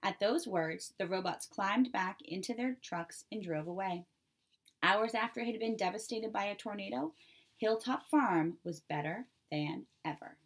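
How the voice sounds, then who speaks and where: A woman's voice: mid-range voice, measured pace. Woman reading a children's book aloud. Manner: clear, steady storytelling. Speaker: reader. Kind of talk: children's storybook read-aloud.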